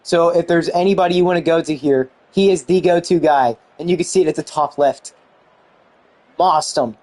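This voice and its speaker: A young man giving excited commentary on a football video game he is playing, exclaiming and mildly swearing. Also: on the high side, moderate pace. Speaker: gaming YouTuber.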